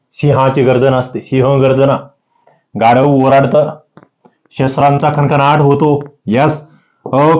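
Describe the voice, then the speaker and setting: A man with a Marathi accent teaching an exam-prep lesson, rising sharply in pitch on the key answers. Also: a little mellow. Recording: slightly dull lo-fi audio.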